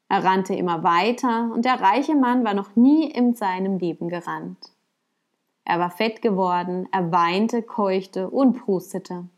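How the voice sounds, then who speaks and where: Woman calmly narrating a tale. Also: mid-range voice. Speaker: storyteller. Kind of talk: storytelling narration.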